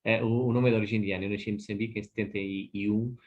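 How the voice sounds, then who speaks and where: Low-voiced Portuguese man presenting a webinar. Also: level tone, very fast, a little mellow. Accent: European Portuguese. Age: 50s. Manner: explanatory, hesitant, often adds tag questions. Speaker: webinar presenter on business financing. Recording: dull lo-fi webinar audio.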